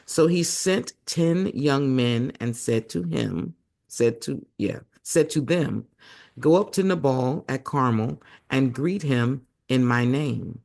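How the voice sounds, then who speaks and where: A man reading the Bible aloud as a host, hoarse and losing his voice, breaking off for chatty asides to his viewers. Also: medium pitch, takes it slowly, a little mellow.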